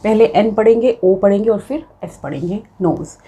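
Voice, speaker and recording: A woman's voice: mid-range voice, moderate pace, warm tone, dull audio. A young woman teaching a shorthand class, patiently explaining step by step and mixing in English terms. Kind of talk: classroom lecture.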